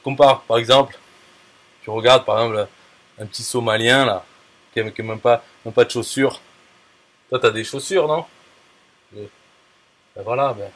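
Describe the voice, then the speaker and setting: A man's voice: mid-range voice, normal speed, pauses often, a bit bright. A man talking casually and bluntly, full of fillers, restarts and crude slang. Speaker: affiliate marketer. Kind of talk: casual talk to a viewer.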